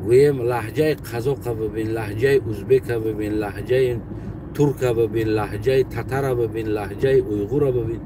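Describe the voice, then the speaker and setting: A man with a Tajik accent talks at length in a halting, searching way, stopping often to find his words. His voice sits at an ordinary middle pitch. It was picked up from some distance outdoors, with steady road traffic clearly heard behind him. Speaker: commentator. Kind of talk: casual spoken monologue. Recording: distant mic with loud outdoor traffic noise.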